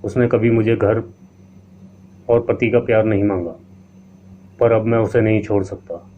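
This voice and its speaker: Stern, scheming rich haveli master, voiced by a man; low, dismissive, phone-thin with faint hiss. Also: fairly even intonation, a little slow, warm tone, lightly acted. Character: scheming wealthy male haveli owner. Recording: tinny lo-fi line with faint hiss.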